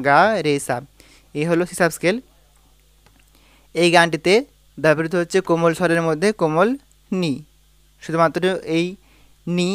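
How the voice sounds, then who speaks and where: A man's voice: a little high, clean tone, dry recording, clean studio sound. A man with a Bengali accent teaching a devotional song on the harmonium, explaining patiently and singing short sung phrases. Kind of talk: music lesson, explaining and singing examples.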